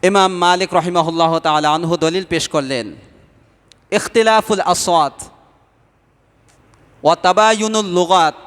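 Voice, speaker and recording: A man's voice: sits high, a bit bright. A male preacher giving a sermon who keeps asking the audience questions and then answering them himself. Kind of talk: Islamic sermon. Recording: long hall reverb.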